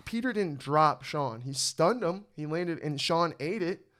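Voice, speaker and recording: Young male podcast host: smooth tone, excitable, profane sports-fan chatter. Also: on the high side, unhurried. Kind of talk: casual chat.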